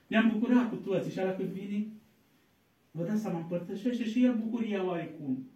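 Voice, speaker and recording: A man, an Orthodox priest, preaching a sermon, moving from quiet asides to loud, emphatic exhortation and intoning scripture slowly, as if chanting. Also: high voice. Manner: slow, chant-like reading of scripture quotes. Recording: echoey room, distant mic.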